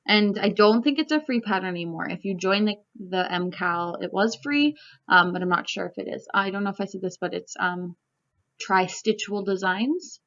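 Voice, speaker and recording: A woman's voice: mid-range voice, a bit bright. A young woman from Canada, chatting casually as a knitting vlogger in a rambling way, full of "like" and "um", recorded at home. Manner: rambling, filler-heavy, peppered with "like" and "um". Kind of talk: casual chat. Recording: slightly dull home recording.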